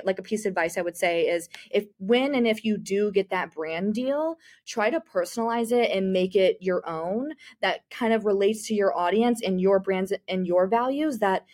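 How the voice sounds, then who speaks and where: A woman's voice: mid-range voice, a little mellow. A woman, a marketing communications manager, giving interview answers in a chatty way full of "you know" fillers.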